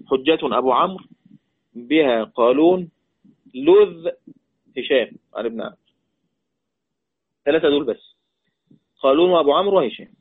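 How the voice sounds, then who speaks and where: A man's voice: on the high side, animated, moderate pace, pauses often, breathy edge. A man with an Egyptian accent teaching a recitation lesson, repeating his points, quizzing his listeners and drawing out recited words. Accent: Egyptian Arabic. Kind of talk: classroom lesson. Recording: tinny phone-like sound.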